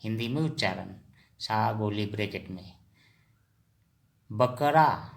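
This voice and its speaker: A man teaching vocabulary in Hindi, repeating each word slowly and asking and answering his own questions as he addresses viewers as friends. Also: on the low side, gravelly. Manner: slow and repetitive, drills each word. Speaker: language teacher.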